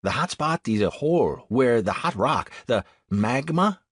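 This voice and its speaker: A man voicing a cheerful Ecuadorian tour guide in his thirties with a Spanish accent, explaining things carefully and pausing over hard words. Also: medium pitch, animated, breathy edge, dry recording, studio quality.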